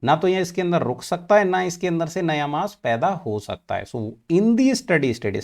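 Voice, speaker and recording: A man with an Indian accent teaching engineering, mixing Hindi and English and asking questions he then answers himself. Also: on the high side. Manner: mixes Hindi and English, asks and answers his own questions; slow and deliberate, stretching out key terms. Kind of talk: classroom lecture.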